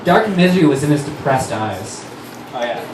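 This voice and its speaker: Here a writer-director and actor performs fan fiction as an overdramatic comic reading, his mid-range voice animated and his pace moderate. He's on stage at a live fundraiser. The recording comes across noisy, echoey and distant.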